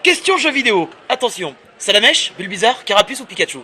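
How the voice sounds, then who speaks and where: A man hosting a book channel, firing off quick playful interview questions with a joking manner. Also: high-pitched, sing-song, sharp tone.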